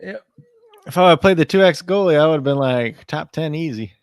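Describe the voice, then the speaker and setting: A man from Illinois co-hosting a fantasy sports show in relaxed, chatty talk that often trails off mid-sentence. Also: a little high, brisk, no room sound, studio quality. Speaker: fantasy sports podcast co-host. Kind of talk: casual chat.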